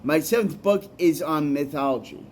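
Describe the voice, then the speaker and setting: A man's voice: fairly high pitch, moderate pace, a little mellow, slight background noise. A man, a musician and poet, giving rambling, earnest advice in a casual vlog, often repeating himself.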